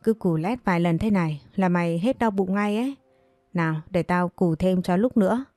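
A woman's voice: fairly low pitch, moderate pace, mellow, dry recording, studio quality, soft background music, lightly acted. A woman voicing a cunning young maid who teases and mocks. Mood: mocking. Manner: teasing, mocking. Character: cunning young maid, mocking, sharp-tongued.

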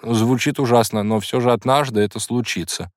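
A man's voice: mid-range voice, steady tone, moderate pace, no echo, studio quality, voice pushed up, natural voice. A man reading an audiobook, voicing a distraught, devoted young man who pleads earnestly.

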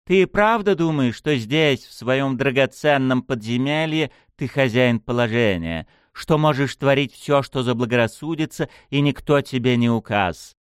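A man's voice: medium pitch, normal speed, hardly any pauses, smooth, no room sound, clean studio sound, close to an everyday voice. Sly mocking witch, as a male reader puts her on. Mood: taunting. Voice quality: sly, drawling, sarcastic. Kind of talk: audiobook reading.

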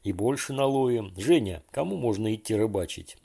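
A man's voice: lowish voice, lively intonation, moderate pace, gravelly, dark tone, husky, full character voice. A man voicing an anxious boy who frantically pleads and cries out over the fish. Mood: frantic pleading.

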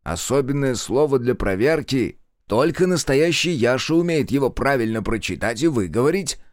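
A man's voice: mid-range voice, lively intonation, normal speed, no echo, studio quality, close to an everyday voice. A man voicing a folksy older villager in a straw hat who explains things in rustic dialect. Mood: explaining.

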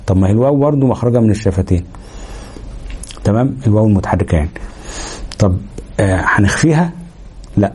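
A man's voice: fairly low pitch, warm tone, breathy edge. A man with an Egyptian Arabic accent teaching tajweed rules, explaining step by step and checking that listeners follow. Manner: explains step by step, pauses with fillers, checks understanding. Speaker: Quran recitation teacher. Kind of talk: explanatory lesson.

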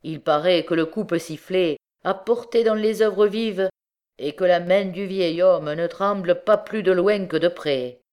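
A woman's voice: on the low side, measured pace, a little mellow, natural voice. A woman doing a sly old beggar bandit. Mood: mocking.

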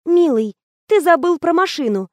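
A woman's voice: expressive, normal speed, a little mellow, no echo, clean studio sound. A woman voicing a clingy young actress in an audiobook, pleading and tearful. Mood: ingratiating. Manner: high, imploring, breathless pleas.

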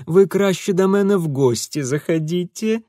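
A man voicing a sharp-tongued, plump red-haired shopkeeper's wife with a Ukrainian accent in an audiobook. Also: very high-pitched, moderate pace, no echo, clean studio sound, voice pushed up. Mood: flirty. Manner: sharp-tongued, then coquettish.

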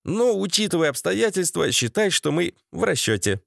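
A man's voice: fairly high pitch, very animated, normal speed, creaky, no room sound, clean studio sound, exaggerated voice. A man doing a prim, scheming spy officer. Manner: fussy, formal, wheedling. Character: prim, scheming male secret-police officer.

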